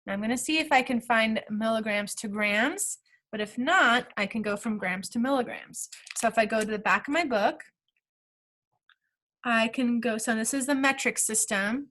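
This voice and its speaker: A woman's voice: on the high side, moderate pace, fairly bright tone. A woman teacher talking through math problem steps aloud in a recorded lesson, checking in with the class as she goes.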